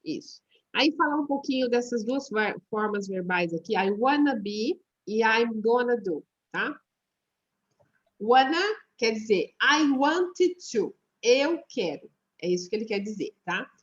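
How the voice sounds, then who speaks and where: A woman with a fairly high voice teaches an online English class. She explains patiently and slowly repeats words to model their pronunciation. The audio is dull and lo-fi. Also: expressive.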